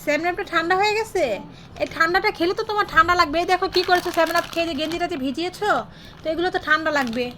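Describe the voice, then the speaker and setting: A mother with a very high voice scolds and coaxes her child in a family comedy skit. She switches quickly between affection and reproach. The home recording carries clear background noise.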